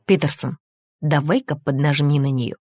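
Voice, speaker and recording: A brisk female chief inspector with a dry, wry edge, snapping out orders, as a woman narrator voices her. The voice is low and the recording close and dry. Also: a little mellow, dry recording.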